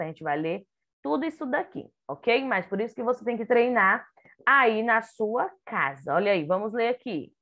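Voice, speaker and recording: A woman teaching an online phonics lesson to young children, sounding out syllables slowly and praising often. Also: medium pitch, a bit bright. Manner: slow, drawn-out syllables, sounding out words. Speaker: preschool teacher.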